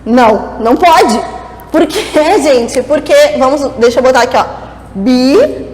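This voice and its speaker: A woman's voice: high-pitched, animated, measured pace, darkish tone. A woman teacher giving a classroom lesson, playful and chatty, asking herself rhetorical questions as she explains at a board. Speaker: Portuguese teacher. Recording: echoey room with long reverb and faint noise.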